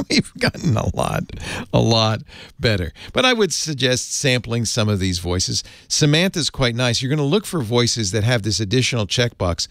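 A man's voice: medium pitch, sing-song, moderate pace, fairly bright tone, no echo. Chatty guy walking thru mac settings, voice bouncing up and down, dry close sound. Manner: chatty, chuckles often, easygoing explaining. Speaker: host. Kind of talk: casual tech tutorial.

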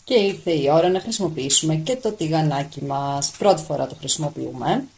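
A woman vlogger with a sore throat from a cold, speaking softly and coaxingly to timid animals in a garden, between casual narration. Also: low-pitched, lively intonation, vocal fry, slightly rough, low-quality recording. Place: outdoors in a garden.

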